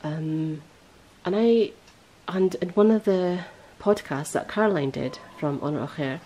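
A woman hosting a podcast in casual chat, rambling and correcting herself as she goes, her voice a little hoarse. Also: lowish voice, unhurried, warm tone, a little hiss or hum, poor audio. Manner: chatty, rambling, self-correcting. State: voice going hoarse. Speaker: podcast host.

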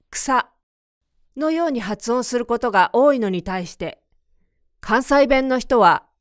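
A woman teaching English pronunciation in a clear, careful, scripted way. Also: sits high, dry recording, clean studio sound. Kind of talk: scripted lesson narration.

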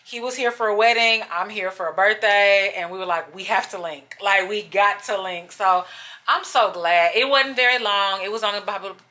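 Speaking at a normal speed, this young adult woman has a mid-range voice with a bright, forceful edge. As a travel vlogger, she chats to the camera in a gushing, casual way and refers to her audience as "y'all."

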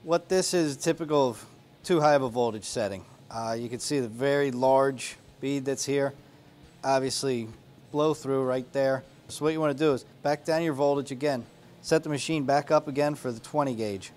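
A man in his forties teaches welding in a practical, step-by-step way. His voice sits at an ordinary middle pitch and he speaks from an indoor workshop on a lapel mic. Faint music plays underneath. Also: normal speed, a little mellow. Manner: plain, practical step-by-step explaining. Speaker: welding instructor. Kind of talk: instructional demonstration. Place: indoor workshop garage studio.

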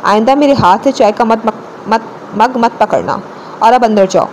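A woman's voice: a little high, a little mellow, lightly acted. Woman putting on a commanding young husband, curt, storybook reading, faint background noise. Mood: stern. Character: stern terse young husband.

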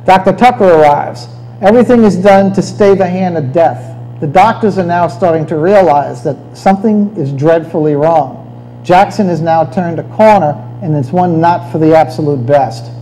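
A man's voice: on the high side, moderate pace, mellow, slight background noise, low-quality recording. A man giving a conversational history lecture over slides, often checking in with "okay?".

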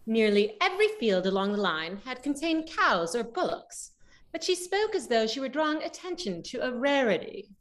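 Woman narrator, lively, fairly high voice, read-aloud storytelling. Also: normal speed.

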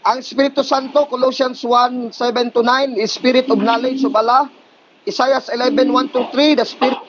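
A man's voice: extremely high pitch, level tone, a little hiss or hum. A man debating religion in an online call, rattling off scripture citations. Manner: rapid, citing scripture verses. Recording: dull lo-fi call audio.

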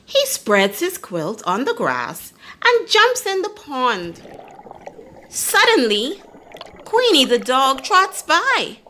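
Slow, lively woman reading to children. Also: high-pitched, a little hiss or hum. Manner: teacherly, asks listeners questions. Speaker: storyteller. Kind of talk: children's read-aloud.

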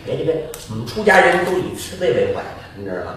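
A man voicing a calm, soft-spoken Buddhist monk in a low, hushed tone, recorded on an echoey theater stage. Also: quick pace, far from the mic, very noisy. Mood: gentle, concerned.

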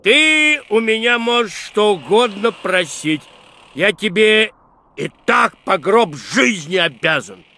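A jovial geologist in a cartoon adventure game. His delivery is theatrical and unhurried, with a high, bright voice that swings widely. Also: sing-song, slight background noise, full character voice. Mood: hearty. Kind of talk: animated adventure game acting.

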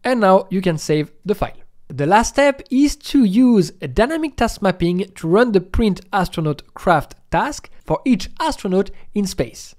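Explaining software one step after another, a man with a high-pitched voice uses a sing-song, strongly varied intonation. His pace is moderate and his manner is instructional.

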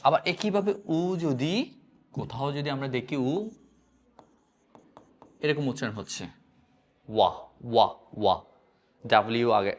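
A man teaching an English grammar lesson, repeatedly asking his students questions and drilling the answers. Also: fairly high pitch. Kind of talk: classroom-style grammar lesson.

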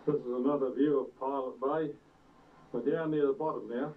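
A man narrating his own home video footage on an old VHS tape, unhurried, pointing out sights like a tour guide. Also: mid-range voice, steady tone. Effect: old VHS tape sound. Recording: tinny, distant, hissy old camcorder tape.

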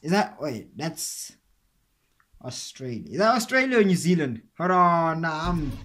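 A young man hosting a reaction video, reacting casually in excitable slang and calling out "hey, bro" again and again. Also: fairly high pitch, unhurried, slight background noise. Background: clear music from the clip being watched.

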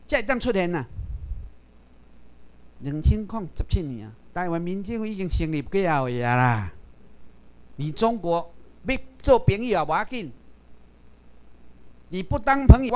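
A Taiwanese man gives a lecture to a class in a high voice, his pitch swinging widely as he drives home his points. He often turns to the audience with direct rhetorical questions.

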